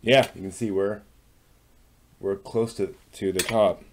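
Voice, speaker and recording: The host of a DIY workshop vlog mutters to himself as he works with his hands, thinking aloud in a casual, halting, tentative way. His voice is on the low side with a steady tone. Loud power drill and tool noise, including tool clicks, fill the background.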